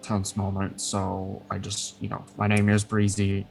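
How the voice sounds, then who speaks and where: A player voicing a shy frog child camper who mumbles hesitantly and quietly. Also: medium pitch, huge pitch swings, rapid-fire, soft background music. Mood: mumbling.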